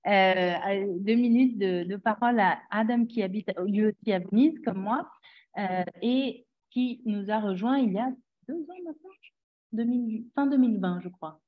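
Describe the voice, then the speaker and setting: A woman's voice: medium pitch, moderate pace. A woman gives an informal presentation of a teacher training programme, hesitating and rephrasing as she goes. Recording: dull, band-limited sound.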